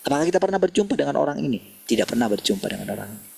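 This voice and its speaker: Male preacher, husky and gravelly, sermon full of rhetorical questions. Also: mid-range voice, very animated, rapid-fire, darkish tone. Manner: addresses listeners as "saudara", asks many rhetorical questions.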